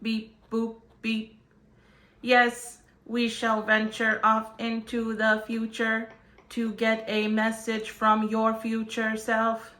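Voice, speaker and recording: A woman voicing a male robot from the future, speaking in a slow, flat, mechanical robot voice and saying beeps and boops. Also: a little high, echoey room. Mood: stiff.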